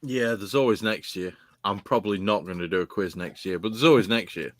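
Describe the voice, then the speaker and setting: A man's voice: fairly low pitch, a little fast, no echo. Rowdy sweary man hosting a beer podcast. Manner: boisterous, rambling, sweary. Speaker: podcast host. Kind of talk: casual chat, sweary sign-off.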